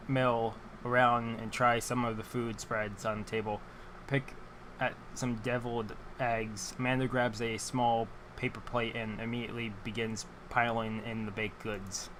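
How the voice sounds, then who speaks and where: Man, mid-pitched voice, halting read-aloud, visual novel let's play, fan whirring behind him. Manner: halting read-aloud, stumbles and rereads words. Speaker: video game let's player reading aloud. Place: hot bedroom with a fan running. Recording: steady fan noise in room.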